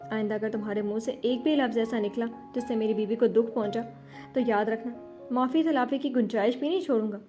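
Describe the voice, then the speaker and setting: A stern, protective young man in an audio novel, read by a woman in her own slightly high voice. He talks with quiet firmness that hardens into cold threat. Soft background music plays under a mellow, warm delivery. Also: natural voice. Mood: angry. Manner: gentle, turning cold and threatening.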